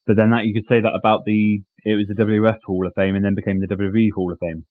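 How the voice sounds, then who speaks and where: Thin phone-like audio, man, fairly low pitch, casual co-host chat, conciliatory, hesitant phrasing, dry. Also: level tone, fast talker, no echo. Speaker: podcast co-host. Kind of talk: casual discussion. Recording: dry, tinny phone-like line.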